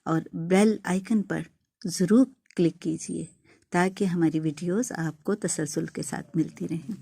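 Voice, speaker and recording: A woman's voice: lowish voice, mellow, no echo. Heartfelt woman narrating a sad story. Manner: heartfelt and dramatic, rising to wailing pleas. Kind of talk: emotional first-person story narration.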